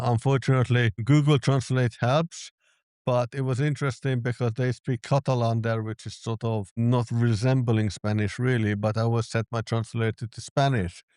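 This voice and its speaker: Guy being interviewed, smooth clear voice, dry sound, calm explaining. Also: on the low side, no echo. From Hungary. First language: Hungarian. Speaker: app developer, guest. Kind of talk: interview answers.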